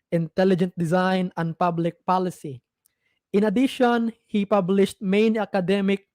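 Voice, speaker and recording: A man hosting a church evening, formally and deliberately introducing the guest speaker. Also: sits high, a little mellow, dry recording.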